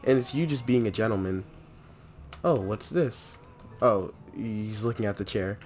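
A young man giving chatty, excitable gameplay commentary and talking to the characters on screen. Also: on the low side, measured pace. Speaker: let's play host.

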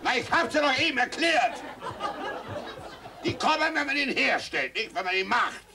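A man's voice: very high-pitched, very animated, normal speed, crowd noise, background noise, voice pushed up, heavily acted. A man voicing a pompous, evasive father in a comic stage reading. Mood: blustering. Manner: gruff, evasive, long-winded. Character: blustering pompous middle-aged father.

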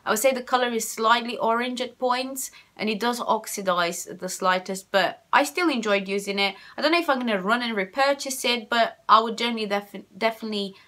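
A woman's voice: a little high, fairly quick, few pauses, sharp tone. A young woman from Romania with a Romanian accent, chatting casually through a beauty product review at home, rambling and repeating herself. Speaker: beauty vlogger. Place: home room with shelves of cosmetics.

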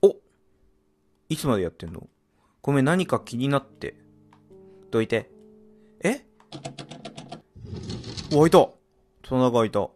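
A man's voice: mid-range voice, very animated, measured pace, pauses often, soft background music. Jumpy man yelping through a horror game. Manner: jumpy, bursts into loud startled yelps; mutters and reads game text aloud. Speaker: let's play gamer.

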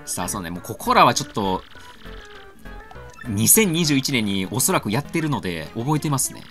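A man with a Kansai accent commentates on a game, joking crudely and getting excited. His voice is bright and swings widely in pitch. Game music plays faintly underneath. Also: moderate pace. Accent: Kansai Japanese. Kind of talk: let's-play commentary.

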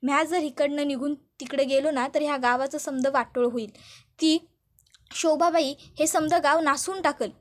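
A proud village mother who will not eat, as a woman voices her while retelling a soap. She speaks curt rural dialect, firm and unbending, in a high voice. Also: steady tone, normal speed, natural voice. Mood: stubborn, firm.

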